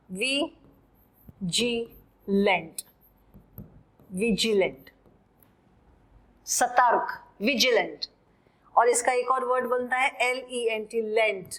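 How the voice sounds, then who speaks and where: A woman teaching an English vocabulary lesson with an Indian English accent, switching between Hindi and English and repeating words slowly for pronunciation. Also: on the high side, a bit bright, low-quality recording.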